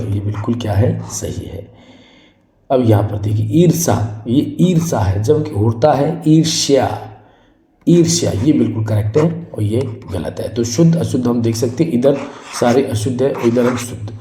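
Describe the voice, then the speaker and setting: A man teaching an exam-prep spelling lesson, saying each word slowly and more than once, then asking the class what the right answer is. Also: mid-range voice, mellow, roomy sound. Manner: drills each word slowly and repeatedly, asks the class questions. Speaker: Hindi teacher.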